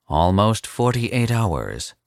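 A man's voice: on the low side, big pitch swings, no room sound, clean studio sound, voice pushed up, exaggerated voice. Man playing a suave, cold older captor. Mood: condescending. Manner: smooth, unhurried and condescending.

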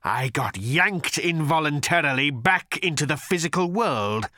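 A man reading an audiobook voices a bitter, vengeful male creature, speaking slowly with a hissing, brooding menace. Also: on the high side, lively intonation, pushed and bright, dry recording, clean studio sound, pitched above the performer's own voice. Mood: brooding, sardonic. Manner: slow, hissing, drawn-out menace.

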